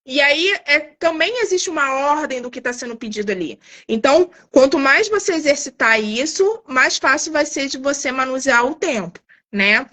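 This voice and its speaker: A woman guest on a live stream talks through exam tips in a casual, explanatory way. Her voice sits high and sounds bright. She keeps checking in with quick tag questions. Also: animated. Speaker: guest, TOEIC course creator.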